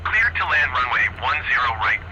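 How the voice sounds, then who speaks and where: A man plays an air traffic tower controller whose voice comes over a cockpit headset radio. His calls are clipped and formal, in standard aviation phrasing, at an ordinary mid pitch. The transmission sounds dull and lo-fi, with loud noise behind it. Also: sing-song, moderate pace. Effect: radio transmission heard over a cockpit headset.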